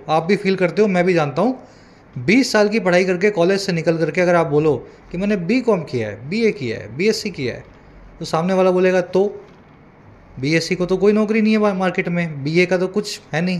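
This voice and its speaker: Male tutor with a high voice. Chatty explainer who reads lines out slowly. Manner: explains with many asides and checks like "है ना". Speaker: English tutor. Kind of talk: Hindi-English newspaper reading lesson.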